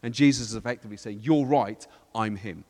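A man's voice: lowish voice, a little fast, darkish tone. Male church leader, casual Bible study talk, explanatory, reverberant room. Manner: explanatory, with frequent restarts and quoted scripture.

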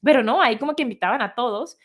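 A woman's voice: on the high side, very fast. Chatty young Mexican woman telling a story. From Guadalajara, Mexico. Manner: chatty, animated, acts out quoted voices. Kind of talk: casual storytelling.

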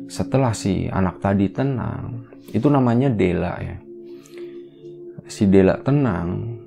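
A man casually retelling a horror story as a podcast storyteller, in a relaxed, rambling, conversational way. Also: low voice, gravelly.

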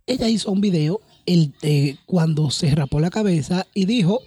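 A woman's voice: fairly low pitch, animated, moderate pace, dark tone, breathy edge, dry recording. A woman co-hosting a casual podcast chat, emphatic and often repeating her phrases while she thinks. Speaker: podcast co-host.

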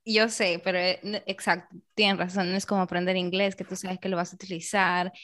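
A woman's voice: on the low side, flat delivery, fairly quick, a bit bright. A woman interviewer with a Peruvian accent mixed with Dominican, reacting expressively to her guest. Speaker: interviewer, host. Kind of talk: casual interview.

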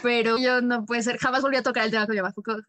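A woman's voice: a little high, fairly even intonation, fairly bright tone, slight background noise. A young woman with a Mexican accent, co-hosting a podcast and telling a personal story in a casual, slangy way full of fillers. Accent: Mexican Spanish. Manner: fast, slangy, frequent fillers and laughs. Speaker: podcast co-host.

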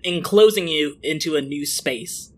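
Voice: medium pitch, a little slow. A game master narrating a tabletop role-playing game and putting questions to the players. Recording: faint background noise.

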